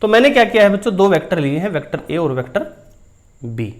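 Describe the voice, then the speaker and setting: A man's voice: high-pitched, sing-song, quick pace. A man teaching a physics lesson, explaining step by step while drawing and calling his students dear children. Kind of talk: whiteboard lesson.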